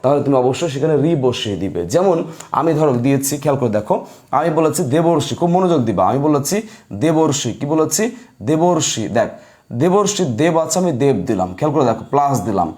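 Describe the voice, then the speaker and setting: Fast-talking teacher, man. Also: fairly high pitch, lively intonation, darkish tone. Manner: repeats points and quizzes the listeners. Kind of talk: online grammar lesson.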